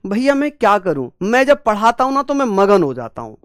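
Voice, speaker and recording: A man's voice: high-pitched, big pitch swings, brisk, clear, resonant tone, no echo, clean studio sound. A male exam-prep teacher giving an online classroom lecture, drilling points over and over, voicing his students' questions and calling them fond names. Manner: repetitive drilling, voices students' questions, fond terms of address.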